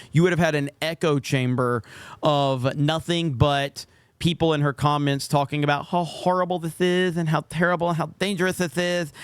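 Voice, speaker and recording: A man's voice: a little high, smooth, no room sound. A man giving casual, opinionated commentary on gaming clips in a blunt, sarcastic, sweary manner.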